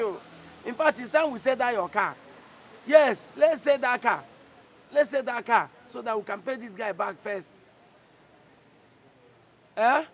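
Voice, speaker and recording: A man's voice: very high-pitched, full character voice. A man playing an anxious debtor pleading with his friend in a film drama, with a Nigerian accent and urgent repetition. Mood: exasperated. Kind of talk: film drama phone monologue. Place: outdoors by a parked car at a roadside.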